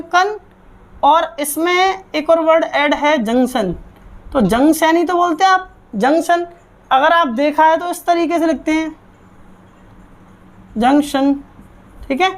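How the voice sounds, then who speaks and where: High-pitched woman grammar teacher, repetitive call-and-answer drilling for an online class. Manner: drills terms with repeated quiz questions.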